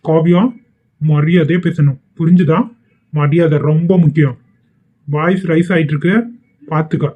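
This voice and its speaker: A man's voice: fairly high pitch, fairly even intonation, normal speed, pauses often, narrow, tinny audio, lightly acted. A man voicing a defiant, hot-tempered young husband in a cartoon, speaking in a stern, warning tone.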